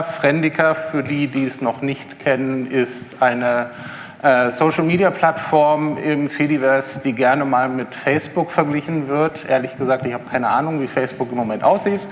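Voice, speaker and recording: A man's voice: on the high side, moderate pace. Man giving a talk in an echoey hall. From Berlin. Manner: hesitant, many fillers and restarts. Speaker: conference speaker. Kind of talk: live tech talk. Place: lecture hall with audience. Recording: echoey hall with long reverb.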